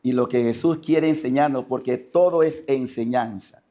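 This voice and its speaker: A man from Panama, a priest preaching a lively Sunday sermon in church, who often shouts and acts out the scripture dramatically. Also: mid-range voice, moderate pace.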